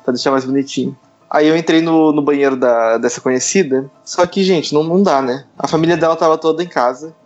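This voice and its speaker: A man's voice: fairly high pitch, brisk, few pauses, dull audio, faint music behind. A man telling an embarrassing story in casual chat, playful and self-mocking.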